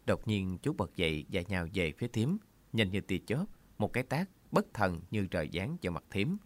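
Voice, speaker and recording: A man narrating a story in a measured, earnest reading style. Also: low-pitched, sing-song.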